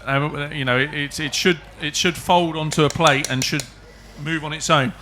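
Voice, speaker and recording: A man co-presenting a live cookery demonstration as a chef, teasing and joking with the audience in a halting way. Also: on the high side, steady tone, pushed and bright. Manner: jokey, teasing, halting restarts. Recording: live event with clear background noise.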